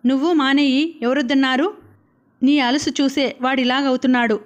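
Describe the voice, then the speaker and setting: A woman's voice: sits high, fairly even intonation, moderate pace, lightly acted. A woman reading as a stern, scolding young woman. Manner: scolding, insistent. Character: stern strict young woman, eldest sister.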